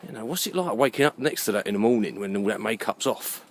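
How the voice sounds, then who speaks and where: Speaking quickly and expressively in a lower register, this British man vlogs through a meandering, opinionated rant. He leans hard on emphasis, fires off rhetorical questions, and makes sure his audience understands, while a slight hiss or hum sits under the recording.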